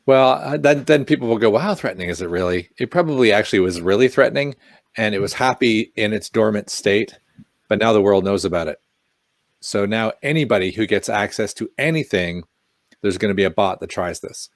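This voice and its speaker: Brief: man, lower voice, animated and jokey tech co-host, dry close mic. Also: a little fast, dry recording. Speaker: podcast co-host. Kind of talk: casual tech chat.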